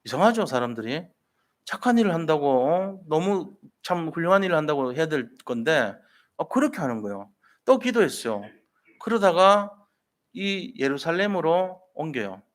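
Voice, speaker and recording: A man's voice: on the high side, very animated, normal speed. A man preaching a sermon as a pastor, telling a story and putting rhetorical questions to the congregation.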